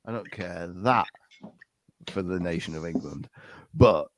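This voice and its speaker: Man, podcast host, lowish voice, casual rambling chat, restarts a lot, dry close sound. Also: a little slow, no echo. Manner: rambling, hesitant, with frequent restarts.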